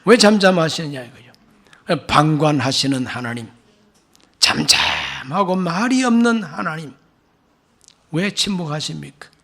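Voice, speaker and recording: A man's voice: on the high side, expressive, unhurried, vocal fry, pauses often, sharp tone. A man preaching a Sunday sermon as pastor, reading scripture and pressing rhetorical questions with emphasis. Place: church sanctuary.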